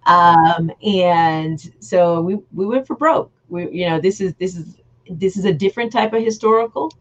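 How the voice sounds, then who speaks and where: A woman's voice: lowish voice, normal speed, highs cut off. A woman, a guest author, talking earnestly and at length in a casual chat over a video call. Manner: earnest, emphatic, explaining at length.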